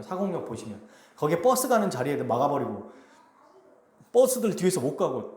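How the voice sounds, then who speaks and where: Male pastor, expressive high voice, animated sermon storyteller, echoey church room. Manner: animated storytelling, acts out quoted lines. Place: church sanctuary.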